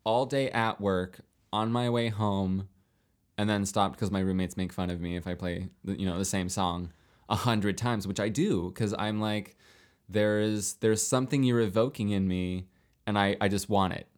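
A young man telling a long story in casual chat, rambling with many fillers and restarts, lively when he quotes others. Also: on the low side, normal speed. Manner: animated when quoting others.

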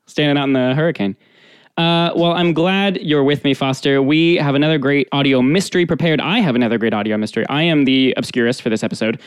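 A man's voice: mid-range voice, fast, smooth, no echo. A man hosting a podcast over a video call, upbeat and joking as he runs a guessing game. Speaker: podcast host. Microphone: video call setup.

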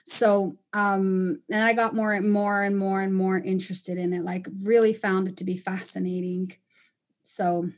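With a medium pitch, level tone and measured pace, a construction company owner from Panama and Costa Rica speaks frankly in a casual interview. Spanish is her native language, and fillers come often.

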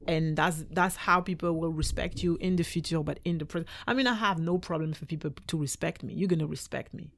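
French-accented male guest, gravelly, chatty and filler-heavy. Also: on the high side, fast talker, hardly any pauses, fairly bright tone, a little hiss or hum. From Belgium. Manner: laughing, loose phrasing with many fillers. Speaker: podcast guest. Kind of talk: casual podcast chat.

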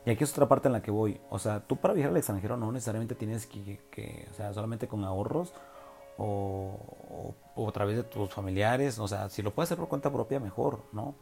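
Young Mexican man, low and warm voice, chatty slangy storyteller. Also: fairly quick, creaky, soft background music. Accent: Mexican Spanish. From Oaxaca, Mexico. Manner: slangy, chatty, full of fillers and tag questions. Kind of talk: casual personal storytelling.

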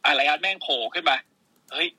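A man tells wrestling results in a casual, excitable rush, swearing freely as he narrates the action blow by blow. His voice is very bright and somewhat husky, sitting a little high for a man. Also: rapid-fire, no echo, poor audio. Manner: excitable, swearing, play-by-play storytelling. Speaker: podcast co-host.

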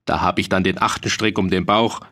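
A man's voice: low voice, steady tone, a little fast, a bit bright, voice pushed down. A man voicing a boastful, jolly mercenary soldier in an audiobook reading, hearty and bragging. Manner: hearty, bragging, dialect-heavy.

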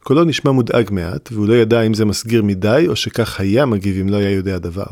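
A man narrating a fantasy story in an audiobook with a steady, measured reading. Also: on the low side, dry recording, clean studio sound. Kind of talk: scripted narration.

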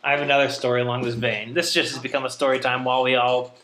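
A man's voice: mid-range voice, level tone, quick pace, pushed and bright, echoey room, a little hiss or hum. A young man, a podcast co-host, telling family stories in casual chat, rambling and interrupting himself with laughs.

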